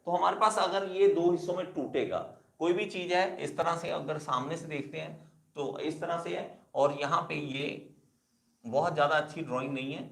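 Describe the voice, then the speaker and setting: A man's voice: fairly high pitch, normal speed, gravelly, fairly bright tone. Man lecturing in an echoey classroom. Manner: repetitive, addresses students as kids. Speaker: engineering teacher.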